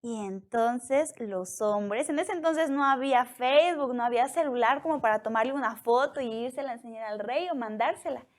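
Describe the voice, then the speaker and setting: A woman's voice: a little high, moderate pace, hardly any pauses. A woman with a Mexican accent teaching a children's devotional, retelling a Bible story and asking the listener questions. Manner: animated, asks the listener questions.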